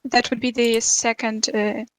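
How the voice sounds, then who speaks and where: A woman playing in a tabletop role-playing game, speaking in a hesitant, halting way. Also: fairly high pitch, level tone, a little hiss or hum, rough recording. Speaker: player.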